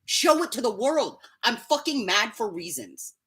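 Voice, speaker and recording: Heated, animated woman ranting on a live stream. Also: a little high, unhurried. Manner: profane and heated, swings between muttering and yelling. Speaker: podcast host. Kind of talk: angry live-stream rant.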